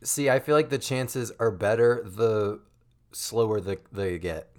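Laid-back low-voiced man. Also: unhurried, a little mellow. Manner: laid-back, short replies, laughs along. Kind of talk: casual chat.

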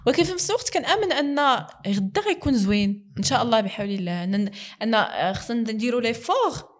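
Rapid and earnest, this Moroccan-accented woman talks as an interview guest, her speech running quickly and mixing in French terms. She keeps a casual chatting tone throughout. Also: a little high, expressive. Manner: earnest, mixes in French words.

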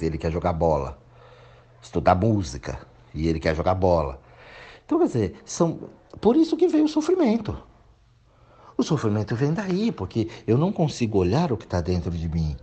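A man's voice: low voice, expressive, a little fast, dark tone, husky. A man giving a blunt, crude, emphatic monologue. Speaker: speaker. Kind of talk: opinionated monologue.

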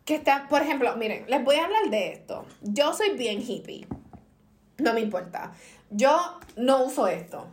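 A woman with a Puerto Rican Spanish accent co-hosts a casual podcast chat, her voice sitting high at a moderate pace. She's an animated storyteller who acts out quotes, and the sound is roomy.

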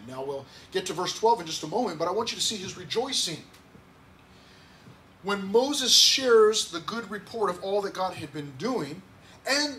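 Male pastor, high voice, easygoing sermon with restarts, faint hiss behind. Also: a bit bright. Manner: conversational, repeats words, asks the congregation questions. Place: church sanctuary.

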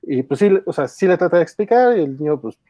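Mellow-voiced Mexican man, rambling comic chat. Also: a little high, expressive, fast, dry recording. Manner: rambling, many restarts and fillers, chuckles. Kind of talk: casual chat retelling a comic.

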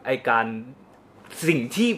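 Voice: measured pace, crowd noise. A speaker in casual political chat, explaining at length and swearing casually.

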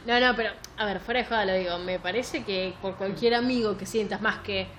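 Young Rioplatense woman in relaxed slangy chat. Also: medium pitch, a little fast, a loud crowd. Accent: Rioplatense Spanish. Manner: relaxed, joking, uses slang. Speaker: book discussion co-host. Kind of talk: casual chat. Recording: faint background noise.

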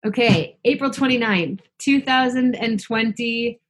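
A woman's voice: a little high, a little slow. A woman interviewing a guest in a casual, encouraging way, with frequent fillers. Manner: friendly, encouraging, many fillers.

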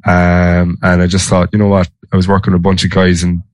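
Irish guy with west of ireland accent, deep voice, kinda rambly interview chat, not much up and down. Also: completely flat delivery, fairly quick, darkish tone, no room sound, clean studio sound. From Galway, west of Ireland. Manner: informal, hesitant, rambling explanations. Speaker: interview guest, sports organisation director. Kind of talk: conversational interview.

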